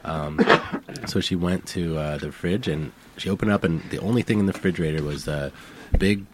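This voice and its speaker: Man, very low voice, casual storytelling, hesitant, lots of fillers, faint noise. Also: normal speed. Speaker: guest.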